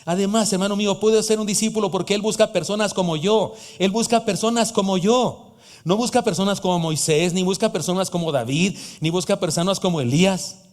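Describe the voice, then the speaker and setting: Mexican pastor, 50s, somewhat high voice, preaching with jokes, long church reverb. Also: male voice, brisk, darkish tone. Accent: Mexican Spanish. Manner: emphatic preacher, joking asides to the congregation. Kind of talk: sermon. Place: church hall.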